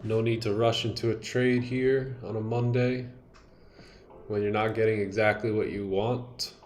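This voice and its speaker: Chill guy running a live trading stream, lowish voice, slangy, shouting out chat. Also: a little slow, a little hiss or hum. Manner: relaxed, slangy, greets viewers by name. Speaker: livestream host and day trader. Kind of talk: casual livestream chat.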